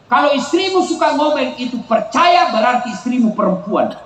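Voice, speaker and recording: A man's voice: very high voice, very animated, normal speed, fairly bright tone, reverberant, slight background noise, low-quality recording. A man with a Makassar Indonesian accent preaching a humorous sermon to a crowd, telling comic stories and teasing the audience. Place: outdoor town square gathering.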